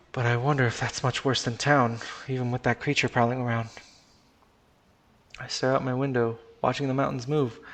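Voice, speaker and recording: A man narrating a first-person story in a live stream, his delivery casual and unpolished. He curses now and then and backs up to restart sentences, at a middle pitch for a man.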